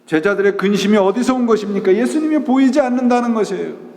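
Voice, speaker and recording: Quick and high-pitched yet a little mellow, this pastor's voice fills an echoey church hall during a Sunday sermon in the sanctuary. He asks himself rhetorical questions, answers them, and slips English words into his preaching.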